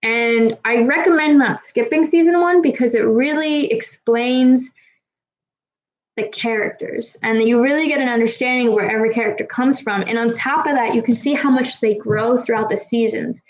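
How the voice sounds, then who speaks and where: A woman's voice: a little high, moderate pace, muffled recording. Tipsy young woman rambling to chat. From Kazakhstan. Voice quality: trouble pronouncing R sounds. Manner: rambling, casual and frequently swearing. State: slightly tipsy. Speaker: streamer answering chat. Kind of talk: casual live Q&A chat.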